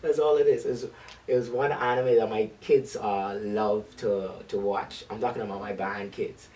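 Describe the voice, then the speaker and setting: A man's voice: fairly low pitch, fairly even intonation, a little slow, a little mellow, distant mic, low-quality recording. A man who directs a school band, talking eagerly in an interview with lots of ums and restarts. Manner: eager storyteller with frequent um and restarts. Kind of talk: conversational interview. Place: library.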